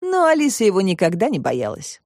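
A woman's voice: mid-range voice, huge pitch swings, a little fast, darkish tone, dry recording. Woman reading a kids' story aloud, lots of melody, dry close sound. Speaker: audiobook narrator. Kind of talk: scripted narration.

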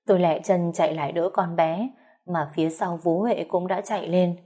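A woman narrates a first-person domestic story. Her voice is low and mellow, and her delivery is even. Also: normal speed, husky.

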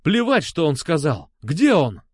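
Guy playing a frantic angry young man barking orders, lively voice, dry. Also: fairly high pitch, normal speed, dry recording. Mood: urgent angry. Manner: urgent, commanding, shouting. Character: desperate furious young man, urgent.

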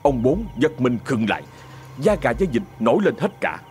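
A man's voice: mid-range voice, sing-song, moderate pace, darkish tone, soft background music. Suspenseful Southern Vietnamese male storyteller. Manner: dramatic, suspenseful. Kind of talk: ghost story narration.

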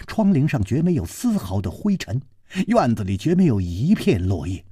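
A man telling a traditional story with a Beijing accent and dramatic, lively intonation. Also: medium pitch, moderate pace, breathy edge, dry recording, clean studio sound.

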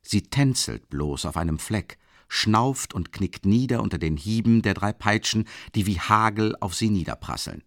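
A middle-aged man narrating a novel as an audiobook in a dramatic, expressive way. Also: lowish voice, moderate pace, no echo, studio quality. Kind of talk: scripted literary narration.

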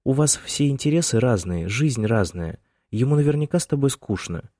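A man's voice: medium pitch, animated, moderate pace, mellow, no room sound, clean studio sound, voice pushed up, natural voice. A man reading the part of a fussy, disapproving middle-aged mother, in a nagging, reproachful manner.

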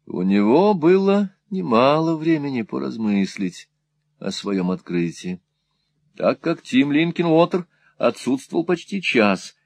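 A man narrating a classic novel as an audiobook, in an expressive, animated reading. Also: mid-range voice, no room sound. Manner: animated, rising and falling with the story. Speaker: audiobook reader.

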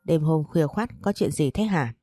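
A woman's voice: low-pitched, lively intonation, moderate pace, mellow, dry recording, faint music behind. A woman voicing a cautious older male neighbor who asks brusque questions, in a storybook reading. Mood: alarmed.

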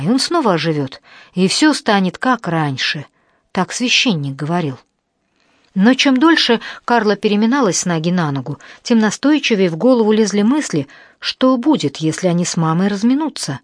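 A woman narrating a novel as an audiobook, lifting her pitch sharply for the quoted lines. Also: big pitch swings, moderate pace, dry recording, clean studio sound. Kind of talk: scripted narration.

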